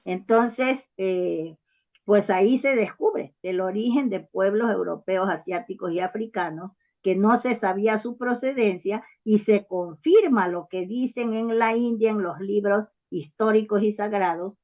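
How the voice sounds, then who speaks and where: A woman's voice: medium pitch, a little slow, darkish tone. A woman author giving long, rambling interview answers, full of false starts and check-ins with the listener. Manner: rambling, often checks in with "¿sabes?" and "¿ah?"; frequent false starts and hesitations. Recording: dull lo-fi recording.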